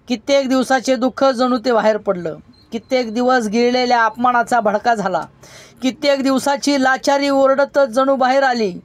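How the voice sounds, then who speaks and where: A woman reading a Marathi village story aloud in a steady voice, with small slips and restarts. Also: fairly high pitch, no room sound. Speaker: narrator.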